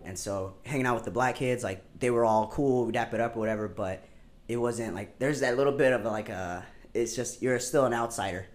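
A man's voice: medium pitch, a little fast. A young man from Long Beach, California, chatting casually as a podcast guest, laid-back and sprinkling his talk with dude and curse words. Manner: laid-back, swears often, says dude a lot. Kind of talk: casual chat.

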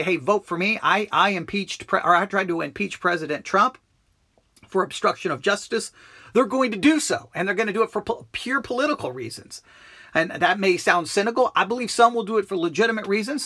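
Man, high voice, gravelly, earnest live commentary, restarts sentences. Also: fairly bright tone. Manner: earnest, restarts phrases often. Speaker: host of a live news commentary broadcast.

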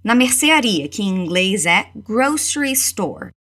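Husky Brazilian woman teaching English. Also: medium pitch, big pitch swings, fairly bright tone. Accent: Brazilian Portuguese. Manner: slow, deliberate model pronunciation. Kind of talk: language lesson with repeat-after-me drills.

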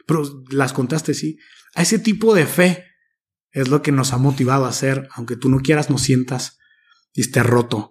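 A man's voice: mid-range voice, moderate pace, breathy edge. A man, reflectively recounting a personal story with casual slang as an interview guest. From Mexico. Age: 30s. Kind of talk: personal testimony in conversation.

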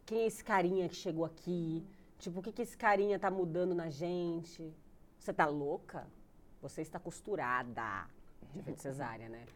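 Uma mulher conversando de forma descontraída, contando uma história com muita animação e imitando falas. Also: female voice, on the low side, moderate pace. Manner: animated storytelling, acts out quotes. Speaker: guest mother. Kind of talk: casual chat.

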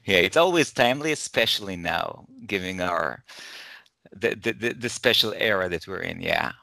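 Male interview guest from Israel, fairly low, bright edge, halting delivery with frequent restarts. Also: lively intonation, vocal fry, dry recording. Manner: hesitant, many repeated words. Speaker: guest, professor. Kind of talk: interview conversation.

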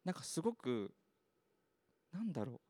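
A man's voice: mid-range voice, big pitch swings, normal speed, no echo. A man in his thirties co-hosting a podcast, chatting casually at a live recording in a bookstore. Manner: reads listener questions aloud, shy when asked to shout. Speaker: podcast co-host. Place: bookstore event space with audience.

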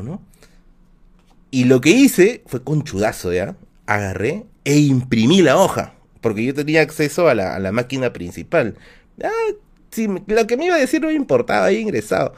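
Animated Peruvian man telling a story. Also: mid-range voice. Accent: Peruvian Spanish. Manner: animated, slangy anecdote telling with many fillers. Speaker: livestream host. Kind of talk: casual storytelling on a live stream.

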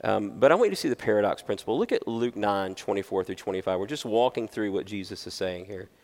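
A man's voice: on the low side, lively intonation, fast talker, a little mellow. A man preaching a sermon as pastor, earnest and putting questions to his listeners.

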